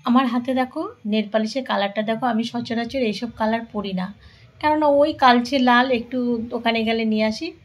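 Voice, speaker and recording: A woman's voice: on the high side, moderate pace, a little hiss or hum, poor audio. A middle-aged woman chatting casually to her viewers in a home vlog, addressing them as family and friends. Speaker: vlogger. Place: home, indoors and on a balcony.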